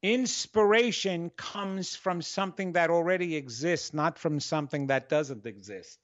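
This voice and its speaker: A man with a New York accent, hosting a radio talk show with an animated, energetic, dramatic way of speaking. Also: fairly high pitch, a little slow, lo-fi sound. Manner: dramatic, expressive, repeats and restarts. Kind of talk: solo talk monologue.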